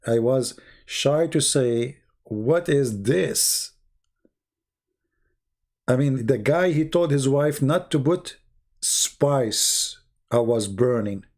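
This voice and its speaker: On a live stream, a man whose first language isn't English chats casually and tells stories in a halting, rambling way, often clearing his throat. His medium-pitched voice is a little mellow, with lively intonation.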